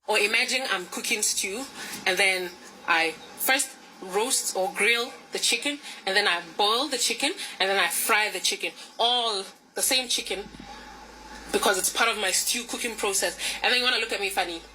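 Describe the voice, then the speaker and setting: Sassy woman with a bright voice. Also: medium pitch, moderate pace, a little hiss or hum, low-quality recording. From Nigeria. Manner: exasperated, sassy, rhetorical questions. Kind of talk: casual vlog rant.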